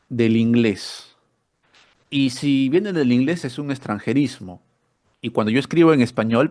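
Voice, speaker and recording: Man teaching a spelling class. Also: medium pitch. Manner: explanatory, asks rhetorical questions, repeats words. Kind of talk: online spelling workshop lesson.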